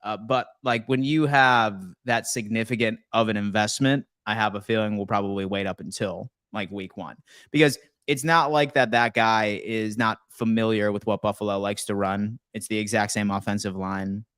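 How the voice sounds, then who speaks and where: A man's voice: on the low side, fairly even intonation, normal speed, fairly bright tone, clean tone, no echo. A man hosting a live call-in show, hyped and slangy, often calling people "man". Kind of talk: casual call-in chat.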